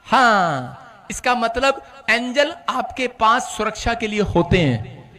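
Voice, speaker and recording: Male preacher, very high and bright, animated sermon, shouts then hushes. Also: slow pace. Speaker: pastor.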